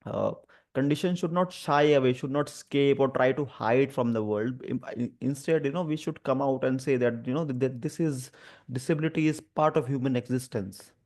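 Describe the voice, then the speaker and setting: An Indian man with a stammer, marked by repeated sounds and blocks, talks conversationally about his lived experience. His mid-range voice has a darkish tone, and he phrases things hesitantly, haltingly, and earnestly.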